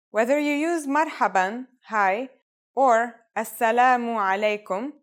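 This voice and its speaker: Measured young woman hosting a scripted lesson. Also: on the high side. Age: young adult. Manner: measured, carefully pronounces and repeats phrases. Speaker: language lesson host.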